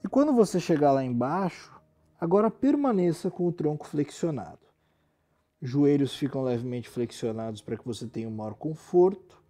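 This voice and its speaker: A man with a Brazilian accent guiding a yoga relaxation as an instructor, speaking in a calm, soothing and gently instructive manner. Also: on the high side, normal speed.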